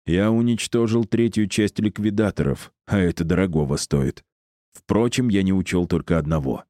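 A man's voice: deep voice, moderate pace, dark tone, dry recording, studio quality, lightly acted. A man voicing an arrogant, cruel male necromancer who mocks and insults his captives. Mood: mocking. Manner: mocking, condescending, insulting.

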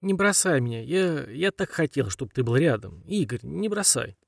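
A man's voice: medium pitch, animated, fast, vocal fry, darkish tone, no room sound, clean studio sound. A man reading an audiobook and voicing a spoiled, tearful young woman who clings and pleads. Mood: pleading. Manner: pleading, whiny. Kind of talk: audiobook character voice.

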